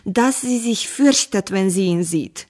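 A woman's voice: medium pitch, expressive, a little slow, darkish tone. A woman doing a whining henpecked farmer. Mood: pleading. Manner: whining, pleading, raised voice.

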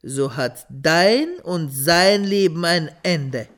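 A storyteller voicing an angry, haughty old king in a fairy tale reading, with a booming, blustering voice. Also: slow, lightly acted. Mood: stern.

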